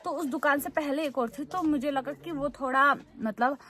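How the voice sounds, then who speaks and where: Young woman vlogger telling a trip story, chatty and animated, kinda high voice. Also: moderate pace. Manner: chatty, animated retelling full of fillers. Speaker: travel vlogger. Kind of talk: casual storytelling to camera.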